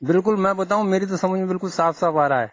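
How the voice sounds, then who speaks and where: A man's voice: high voice, quick pace, dry recording. Insistent man on a muffled phone call. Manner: insistent, coaxing, repeats himself. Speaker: moderator of a phone debate. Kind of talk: casual phone chat. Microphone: phone held to ear.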